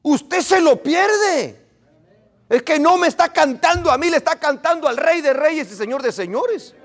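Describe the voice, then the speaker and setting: A male pastor preaching a sermon to his congregation in an animated way, often repeating and restarting his words. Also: very high-pitched, measured pace. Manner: animated, acts out what his congregation says.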